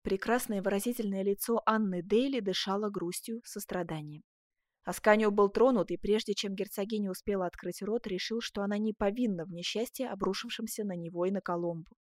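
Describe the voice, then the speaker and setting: A woman narrating a classic novel aloud in a measured, expressive audiobook reading, recorded dry and close. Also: mid-range voice, no echo. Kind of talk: scripted narration.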